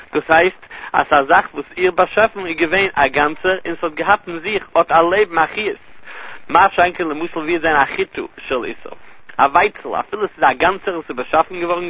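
A man's voice: a little high, breathy edge. A man with a Yiddish accent teaching a Talmud lesson, reasoning through sources in a sing-song study cadence and mixing in Hebrew terms. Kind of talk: Talmudic lecture. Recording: tinny lo-fi phone-line audio.

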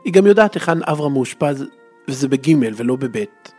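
A man's voice: medium pitch, expressive, a little mellow, slightly rough, soft background music. A man telling a comic first-person story in a dramatic way that builds tension.

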